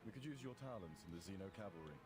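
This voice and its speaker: An actor playing a brisk, commanding and persuasive conscription officer in a video game. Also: male voice, deep voice, expressive. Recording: game music behind the voice.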